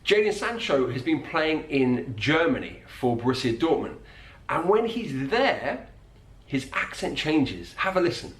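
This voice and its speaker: A man coaching on accents, explaining sound by sound in a calm, methodical way. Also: on the high side, measured pace, echoey room.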